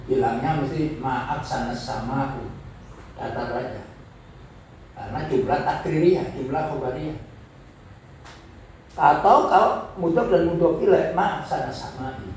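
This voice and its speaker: A man lectures a class in a fairly high voice, working through Arabic phrases slowly and repeating them to show their rise and fall. He sounds far from the mic, in a very echoey room with a faint hiss underneath. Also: darkish tone. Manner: explains slowly, repeats Arabic phrases with rising and falling intonation. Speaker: teacher of Arabic grammar.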